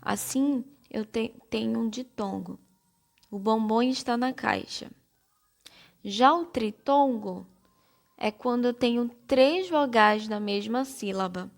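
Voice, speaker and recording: A woman teacher with a Brazilian Portuguese accent, giving a slow, careful primary-school lesson and spelling out syllables one by one. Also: on the high side, gravelly. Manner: spells out syllables slowly and deliberately.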